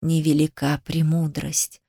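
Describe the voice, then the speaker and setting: A woman voicing a sly, menacing serpent goddess who hisses slowly in broken speech. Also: low-pitched, level tone, creaky, mellow, dry recording, studio quality, voice pushed down, full character voice. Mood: mocking. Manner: slow hissing menace, broken grammar.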